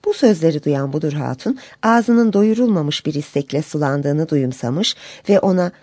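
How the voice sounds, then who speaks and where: A woman reads an old folk tale aloud in a low, mellow voice that moves lively up and down. Her delivery is measured and expressive. The sound is dry and close. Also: dry recording. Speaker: narrator. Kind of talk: storybook narration.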